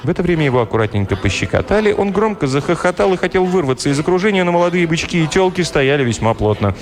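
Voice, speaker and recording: A male narrator reading an audiobook with playful storytelling. His intonation is animated and moves a lot. Faint music plays under his voice. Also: on the high side, quick pace.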